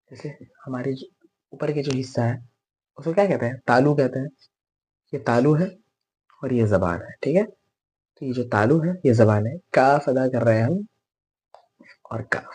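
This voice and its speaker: Male teacher, husky voice, patient step-by-step pronunciation lesson with slow repeated drills. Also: medium pitch, dark tone. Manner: patient, repeats letter sounds slowly for students to copy. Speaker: Tajweed teacher.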